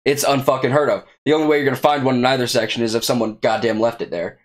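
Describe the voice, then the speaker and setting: A man's voice: mid-range voice, steady tone, fast talker. A young man co-hosting a casual podcast, telling stories in a blunt, profane, emphatic way. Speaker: podcast co-host.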